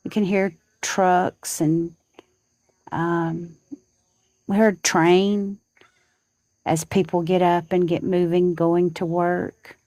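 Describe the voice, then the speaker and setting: Woman, 40s, live-stream co-host: unhurried, gentle, a bit low, dry mic. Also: level tone, no room sound. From Southern United States. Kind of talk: casual chat on a live stream. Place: outdoors on a home porch at dawn.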